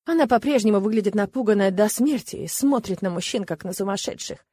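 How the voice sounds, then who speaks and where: Woman reading a fantasy audiobook, expressive, dry close sound. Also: medium pitch, quick pace, husky, no room sound. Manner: expressive, lively storytelling. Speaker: audiobook narrator. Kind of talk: first-person fantasy narration.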